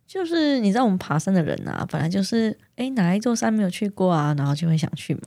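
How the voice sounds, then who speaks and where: A woman's voice: mid-range voice, sing-song, fast talker, dark tone, no room sound. A woman from Taiwan with a Taiwanese Mandarin accent, telling stories casually as a podcast guest. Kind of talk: casual interview storytelling.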